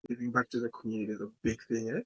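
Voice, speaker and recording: A man's voice: medium pitch, level tone, racing, fairly bright tone, husky, muffled recording. A man hosting a podcast, asking questions in a playful, teasing way with slangy interjections. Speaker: podcast host.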